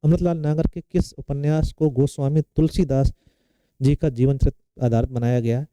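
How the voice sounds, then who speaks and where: A man's voice: medium pitch, steady tone, moderate pace, warm tone, clear, resonant tone, dry recording, rough recording. A male teacher giving an exam-prep Hindi lesson, asking questions and answering them himself, repeating the key words.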